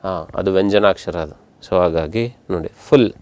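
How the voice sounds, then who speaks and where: A man with a Kannada accent teaching English grammar, his voice fairly low and his pace very slow and deliberate. He repeats each word and counts syllables aloud, switching between Kannada and English terms, recorded dry and close with no room sound. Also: a little mellow, dry recording. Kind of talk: classroom lesson explaining syllables.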